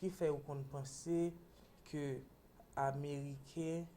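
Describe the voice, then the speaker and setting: A woman's voice: low-pitched, steady tone, slow, dark tone, slight background noise. A Haitian woman teaching English pronunciation on a talk show, explaining patiently and checking in with a repeated "ok?".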